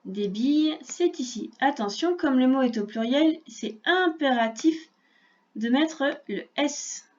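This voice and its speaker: A woman teacher giving a recorded reading lesson to a young child, speaking slowly with careful articulation and addressing the child directly. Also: sits high, expressive, a little mellow, lo-fi sound. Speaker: primary school teacher.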